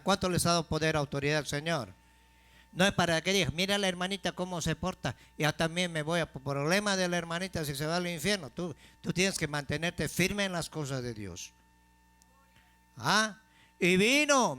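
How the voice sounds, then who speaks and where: A man preaching a sermon as pastor, asking the congregation questions and slowing down to stress key phrases. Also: on the high side, bright, forceful tone. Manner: call-and-response questions to the congregation.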